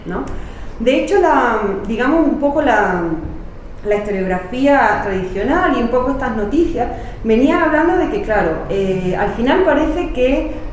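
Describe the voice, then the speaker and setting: A woman's voice: mid-range voice, darkish tone. A woman, a historian explaining her research in a spontaneous academic way, with many fillers and restarts. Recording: echoey room, voice from far off, faint noise.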